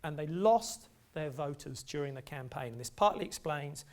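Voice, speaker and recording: A man's voice: a little high, lively intonation, normal speed. A middle-aged English man giving a university lecture in a conversational way, with wry asides. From England. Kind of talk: academic lecture. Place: lecture hall.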